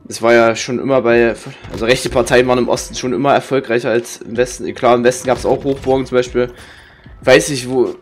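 A man's voice: mid-range voice, fairly even intonation, fairly quick, slight background noise. A young man from Germany gives casual, rambling gameplay commentary in slangy speech, grumbling and swearing. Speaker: gaming streamer. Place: indoor room with webcam.

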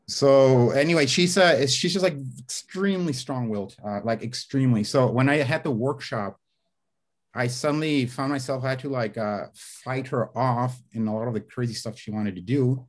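Over a webcam, a screenwriter whose first language is Spanish sits in his home study among bookshelves for a casual video-call interview. He speaks at medium pitch and normal speed, rambling with frequent fillers and restarts while he gestures.

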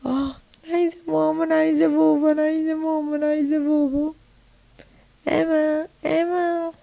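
A woman's voice: high-pitched, steady tone, fairly quick, gravelly, a little mellow. Woman doing a whiny little Egyptian girl. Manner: whiny, pleading. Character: little girl, youngest sister, whiny and scared. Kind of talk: toy play voice acting.

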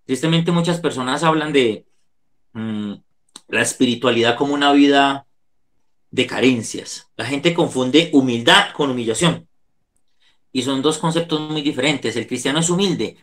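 A middle-aged Colombian-accented man, a psychologist, gives a devotional talk over a video call from an indoor room, picked up by the call's microphone. His voice sits at a medium pitch, a little bright, at a moderate pace. He speaks earnestly, much like a preacher.

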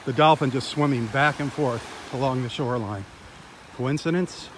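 An enthusiastic man hosts a live stream from a beach, chatting casually and addressing his viewers directly. He speaks at an everyday middle pitch into a handheld phone. Loud surf and wind noise fill the background. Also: moderate pace. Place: outdoors on a beach.

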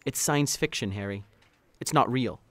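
A man's voice: mid-range voice, normal speed, fairly bright tone, dry recording, close to an everyday voice. A man voicing a skeptical, pragmatic 1960s ad executive puppet with a dry, dismissive manner. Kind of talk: comedic puppet parody dialogue.

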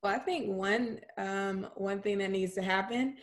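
Measured woman panelist on a video call. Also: mid-range voice. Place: home living room, indoors. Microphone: webcam on video call.

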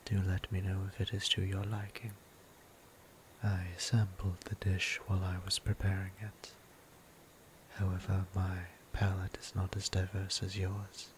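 A man performs an ASMR roleplay as a gentle, courtly vampire priest tending a patient, speaking in a breathy, hushed half-whisper with completely flat delivery. His phrasing is formal, archaic, tender, and unhurried, and the mood is soft and courtly. The low-quality recording carries clear background noise and ambience.

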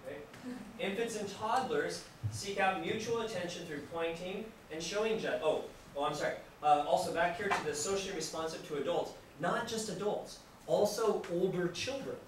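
A man giving a classroom lecture to students, lively and acting out examples as he explains. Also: high voice, moderate pace. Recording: very echoey room, distant mic, background noise.

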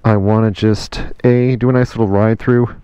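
A man's voice: on the low side, steady tone, normal speed, dark tone, clear, resonant tone, no room sound. A young man, narrating his motorcycle trip in a casual, joking, storytelling way. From Canada. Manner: chatty, storytelling, joking asides. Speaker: motorcycle travel vlogger. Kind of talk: casual travel vlog narration.

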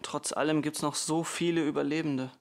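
A man reading a calm, weary father. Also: fairly high pitch, moderate pace, creaky. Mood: calm, grim. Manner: quiet, calm, turning sharp when exasperated.

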